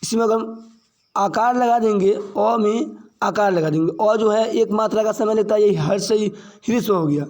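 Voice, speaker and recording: Male teacher, high mellow voice, deliberate classroom delivery, repeats and quizzes himself. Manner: repeats points and asks questions he answers himself; slow and deliberate, stressing key terms. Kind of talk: classroom grammar lesson.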